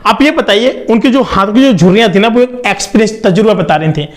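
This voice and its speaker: A man's voice: sits high, fast. A young man from Kanpur telling a story in a chatty, motivational way and speaking directly to his viewers. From Kanpur, India. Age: young adult. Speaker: vlogger. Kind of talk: casual storytelling.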